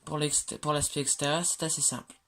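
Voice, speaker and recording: A speaker gives a relaxed walkthrough of their own game builds, mid-pitched and full of pauses, fillers and quick self-corrections. The talk stays chatty and jokes at its own slips. Faint clicking and typing on a computer sit behind the voice. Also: gravelly, slight background noise. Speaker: game creator showing builds.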